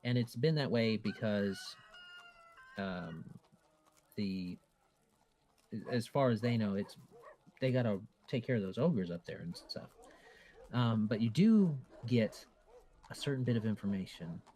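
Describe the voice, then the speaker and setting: A man's voice: fairly low pitch, expressive, a little slow, long pauses, warm tone. A man casually narrating a tabletop game as the game master.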